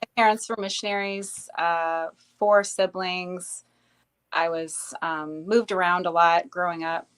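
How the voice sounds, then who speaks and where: A woman's voice: fairly low pitch, fairly even intonation, a little slow, fairly bright tone, smooth. Hesitant woman telling her life story. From grew up in Bangladesh, later Canada. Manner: hesitant, many ums and restarts. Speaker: interview guest. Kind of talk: casual personal storytelling.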